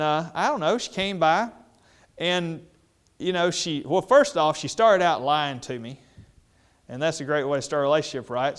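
A middle-aged dentist, telling a humorous story to an audience of dental professionals. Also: male voice, on the high side. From Mississippi. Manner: self-deprecating, animated, mimics other voices in quotes.

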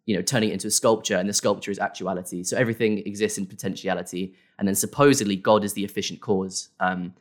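Low-voiced young man, rambling. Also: steady tone, fast, few pauses. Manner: rambling, many fillers and self-corrections. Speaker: guest creator. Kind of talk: casual interview.

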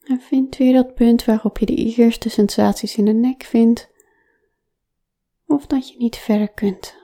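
Very mellow, slow whispering woman. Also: a little high. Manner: soft, calm, often whispering. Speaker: relaxation guide. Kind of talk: guided body-awareness exercise.

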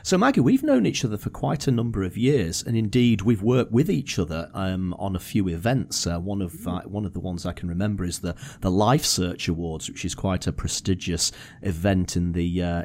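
Animated, lowish-voiced male podcast host. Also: brisk. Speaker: podcast host, marketing consultant. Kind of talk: scripted introduction and interview hosting.

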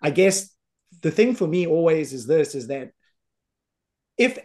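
A South African-accented man hosting a podcast, candid and thoughtful in conversation. His tone is mellow and warm. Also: a little high, very animated, measured pace. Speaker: podcast host.

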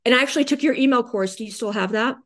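A woman's voice: fairly high pitch, racing. A woman, a podcast guest chatting in an effusive, gushing way and repeating herself. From United States. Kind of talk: casual interview chat.

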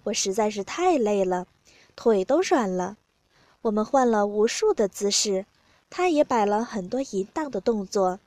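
A woman narrating an adult story in a plain, steady first-person telling. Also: mid-range voice, normal speed, no echo.

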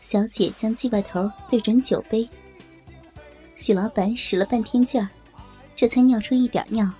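A woman telling a story in the first person, in a colloquial, brisk storytelling manner. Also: fairly high pitch, warm tone, soft background music. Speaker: narrator.

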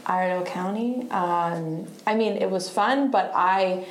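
A woman's voice: fairly low pitch, a little slow. A woman of around thirty, originally from Argentina, telling her story as a podcast guest in a chatty, loose way, peppered with "like" and casual swearing. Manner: chatty, lots of "like", swears freely. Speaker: guest musician. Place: live podcast taping in a downtown bar venue. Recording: roomy live venue sound.

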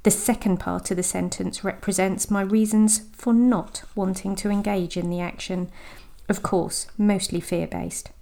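Gentle woman with a gravelly voice. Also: mid-range voice, steady tone. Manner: gentle, deliberate, with slow emphatic words. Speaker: podcast host and sobriety coach. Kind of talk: reflective podcast monologue.

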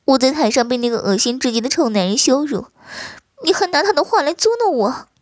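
A woman doing a coy, breathy young woman. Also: expressive, moderate pace, no echo, studio quality. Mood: sulky. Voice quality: breathy, whispery. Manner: high, coy, pouting delivery.

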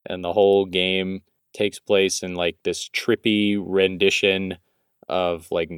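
A man's voice: low voice, flat delivery, takes it slowly, clear, resonant tone, no room sound, clean studio sound. A young man co-hosting a gaming podcast in casual banter, swearing and joking as he goes. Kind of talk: casual banter and game chat.

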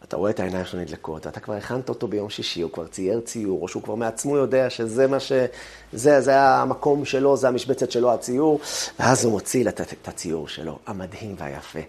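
A man giving a talk on the weekly Torah portion, telling family stories and acting out their quotes. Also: on the low side. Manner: animated storytelling with acted-out quotes. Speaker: religious teacher.

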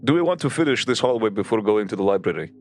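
Low-voiced man playing a tabletop game. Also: lively intonation, fast, soft background music. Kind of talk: casual game-table chat.

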